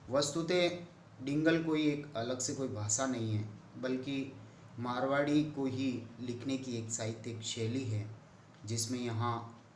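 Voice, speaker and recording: Slow, deliberate male lecturer. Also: medium pitch. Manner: slow, explanatory, repeats words to define them. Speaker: assistant professor of Hindi. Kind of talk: college lecture. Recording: echoey room, faint background hiss.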